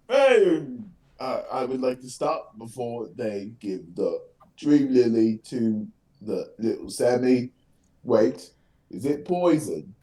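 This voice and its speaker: Animated man in a roomy distant sound. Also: mid-range voice, slow pace. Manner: suspicious, animated, joking. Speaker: player. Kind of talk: tabletop game play.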